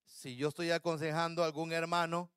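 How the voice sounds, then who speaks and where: A man's voice: on the high side, level tone, fairly quick, fairly bright tone, clear, resonant tone, no echo, clean studio sound. A man pastor preaching a sermon to his congregation, acting out the words of biblical figures. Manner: addresses congregation as brothers.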